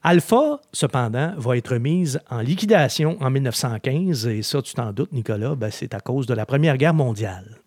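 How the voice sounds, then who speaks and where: A man hosting a podcast, telling history in a lively, chatty way with filler words. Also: medium pitch, normal speed, hardly any pauses, no room sound, studio quality. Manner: chatty storyteller, animated, with frequent filler words. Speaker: podcast host. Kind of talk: casual podcast chat.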